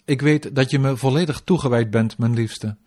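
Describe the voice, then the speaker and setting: A man's voice: mid-range voice, normal speed, close to an everyday voice. A playful divine lord, read by a man. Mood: tender. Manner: even, formal devotional reading. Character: playful divine lord consoling his wife. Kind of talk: scripture reading.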